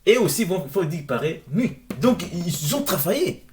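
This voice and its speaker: Animated man explaining emphatically. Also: high voice, moderate pace, slight background noise. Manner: emphatic, repeats words while searching for them; addresses viewers directly with rhetorical questions. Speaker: presenter of an online video lecture. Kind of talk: informal explanatory talk over on-screen text.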